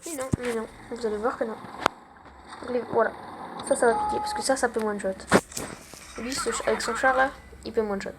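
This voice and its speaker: Gravelly young woman narrating gameplay. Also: on the high side, fairly even intonation, a little fast, pauses often, heavy background noise. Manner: chatty, self-mocking, gamer slang. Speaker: gaming channel host. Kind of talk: casual gameplay commentary.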